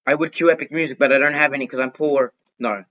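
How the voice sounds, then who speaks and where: Fast and a bit bright, a man's mid-range voice with fairly even intonation delivers excitable gameplay commentary. The gaming video host chats away, talks to himself, and repeats phrases, all captured on a dull, lo-fi microphone.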